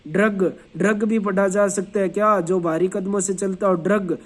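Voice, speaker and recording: A man's voice: high-pitched, fairly even intonation, moderate pace. A man teaching an exam revision lesson, drilling word lists through repetition, asking and answering his own questions, and spelling out English words letter by letter.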